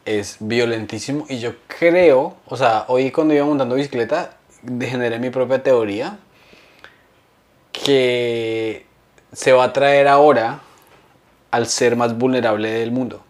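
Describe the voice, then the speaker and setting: A young man chats on a comedy podcast. He tells stories with lots of slang and acts out what other people said in a lively way. His voice sits in a middle pitch. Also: unhurried. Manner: animated storyteller, slangy, acts out quotes. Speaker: podcast co-host. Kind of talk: casual comedic chat.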